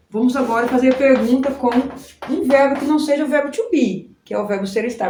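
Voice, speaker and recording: A woman from Brazil teaching an informal English lesson. She explains slowly, repeats herself and often adds little checks like "right?" and "look". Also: fairly high pitch, dark tone. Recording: echoey room with faint noise.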